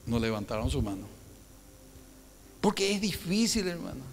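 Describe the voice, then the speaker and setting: A man preaching a Sunday sermon as pastor, animated and keeps putting rhetorical questions to his congregation. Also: medium pitch, moderate pace, long reverb tail, a little hiss or hum. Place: church hall.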